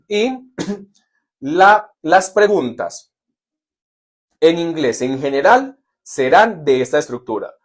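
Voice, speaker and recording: A man's voice: a little high, extremely slow, pauses often. A man teaching English in a live online lesson, in an upbeat, joking manner that keeps checking on the class. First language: Spanish. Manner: lively, jokey, asks "¿listo?" often.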